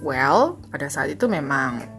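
Chatty woman podcaster, soft music behind. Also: low-pitched, very animated, a little slow. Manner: chatty and confessional, mixing in English phrases, laughs often. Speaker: podcast host. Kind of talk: casual solo podcast monologue.

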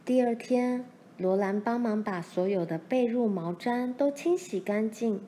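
A woman narrating a children's novel chapter in a calm, even storytelling manner. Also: a little high, a little hiss or hum. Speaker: audiobook reader.

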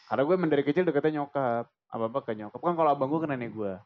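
A man's voice: mid-range voice, very fast. A young man chatting casually on a podcast, rambling through fillers and cracking jokes in slang. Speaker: podcast co-host. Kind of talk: casual chat. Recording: slightly dull podcast recording.

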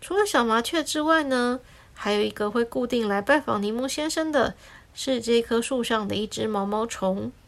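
A woman narrating a children's story in a gentle, explaining way, drawing out filler words. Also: fairly high pitch, moderate pace.

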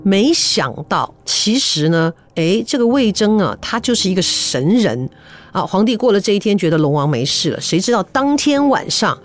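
A woman's voice: medium pitch, very animated, moderate pace. A woman telling folk tales on a podcast in a chatty way, speaking directly to the listener. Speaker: podcast storyteller. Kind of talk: storytelling.

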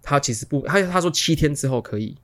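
A man, co-hosting a podcast and telling a rambling, animated story full of restarts. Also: fairly high pitch, fast. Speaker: podcast co-host. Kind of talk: casual storytelling chat.

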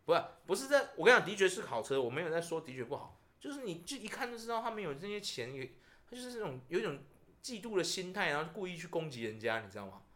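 Animated Taiwanese-accented male podcast host. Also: high-pitched, fast talker. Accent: Taiwanese Mandarin. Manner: animated, ranting storyteller. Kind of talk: casual chat.

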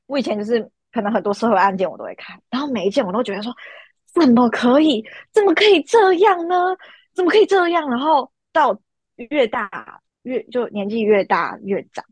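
A woman guest on a casual chat podcast, talking in an animated, indignant way and mixing in English phrases. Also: medium pitch, breathy edge, no room sound. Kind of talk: casual chat between friends.

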